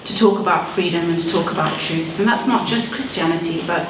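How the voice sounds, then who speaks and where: The recording is distant and noisy, made in a very echoey hall where the speaker stands away from the mic. A woman in her thirties from Malawi, raised in Zimbabwe, argues earnestly and persuasively in a debate with wry asides, her fairly low voice moving a little fast.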